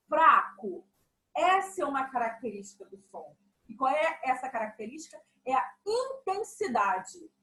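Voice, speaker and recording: A woman music teacher giving a patient, animated lesson to young children. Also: high-pitched, roomy sound, poor audio. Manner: patient, animated explaining with examples.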